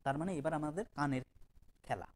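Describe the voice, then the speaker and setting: Guy teaching an exam prep class, slow careful definitions, says words out loud to show how they sound. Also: a little high, poor audio. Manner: explains patiently, repeating definitions slowly; demonstrates pronunciation aloud.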